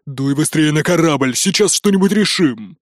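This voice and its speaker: A man doing a gruff colonel. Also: fairly high pitch, animated, moderate pace, dry recording, studio quality, close to an everyday voice. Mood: alarmed. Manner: blunt, urgent. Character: gruff male colonel on comms, alarmed.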